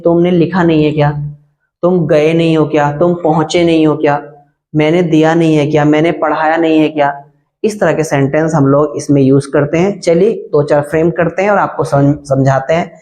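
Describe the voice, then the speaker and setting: A man teaches an online English grammar lesson. His voice sits a little high. He explains each point step by step and repeats every example sentence slowly. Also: darkish tone.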